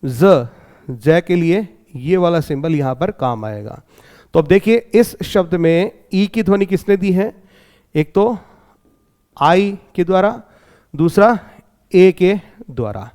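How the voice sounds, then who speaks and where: An Indian man teaching an exam-prep English lesson, explaining step by step and often asking whether it is clear. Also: sits high, expressive, takes it slowly, a little mellow. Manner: explains step by step, checks in with 'clear?'.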